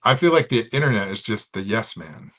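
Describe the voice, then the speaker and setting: A man's voice: fairly low pitch, big pitch swings, fairly quick, fairly bright tone. A man talking casually in a podcast conversation, rambling with many restarts. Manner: rambling, many fillers and restarts, drops into comic voices. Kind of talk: casual chat.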